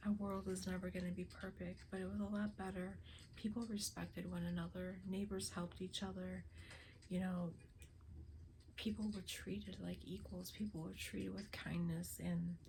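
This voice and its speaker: An older woman running a spirit box session for her vlog, speaking in a hushed, often whispered, earnest and emotional way, pleading for signs. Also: mid-range voice, creaky, slight background noise, poor audio.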